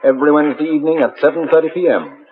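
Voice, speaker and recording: An actor playing a brisk male network radio announcer, heard over an AM radio set with crisp, formal 1940s delivery. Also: on the high side, a crowd in the background. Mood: announcing. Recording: tinny old film radio broadcast.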